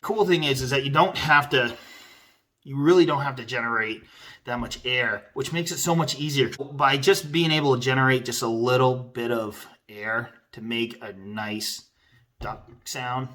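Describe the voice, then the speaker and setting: A man's voice: medium pitch, moderate pace, a bit bright. A man giving a casual product review in a rambling, conversational, informal way.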